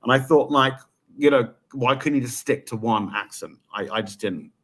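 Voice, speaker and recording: Man, podcast co-host, casual chat, filler-heavy, medium pitch. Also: moderate pace. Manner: chatty, full of fillers like "you know". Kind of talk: casual review discussion.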